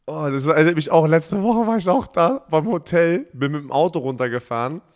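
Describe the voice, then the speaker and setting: A man co-hosting a casual chat show talks in loose, everyday speech with a slightly raised pitch. He gets excited when he retells his own mishaps. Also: a little fast. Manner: chatty, bursts of laughter, excitable retelling. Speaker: podcast co-host.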